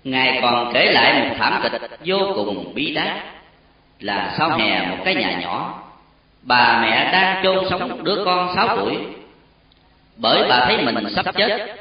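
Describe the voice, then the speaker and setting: A man narrating a solemn story with an expressive, emotional delivery. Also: mid-range voice, a little slow. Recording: very echoey, distant, dull lo-fi sound.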